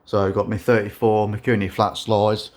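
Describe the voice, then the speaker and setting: Low-voiced man giving a slow monotone walkaround. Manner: self-described monotone, halting with fillers. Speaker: motorcycle builder showing his bike. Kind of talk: casual walkaround vlog.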